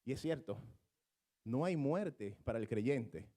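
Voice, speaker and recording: A man's voice: medium pitch, lively intonation, slow pace, mellow. A man preaching a sermon, explaining scripture in a teaching manner that rises into fervent, emphatic exclamations.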